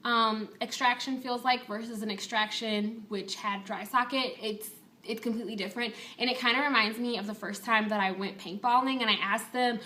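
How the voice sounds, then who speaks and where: Female vlogger, casual and candid. Bright, forward voice sitting slightly high, chatty delivery to viewers. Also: fairly even intonation, normal speed. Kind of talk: casual chat to viewers, personal update.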